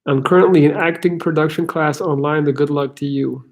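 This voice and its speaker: Man, from Belgium, American accent, somewhat high voice, live chat host, rambling, frank. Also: steady tone, a little fast. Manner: rambling, frank, restarts often. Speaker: livestream host answering chat questions.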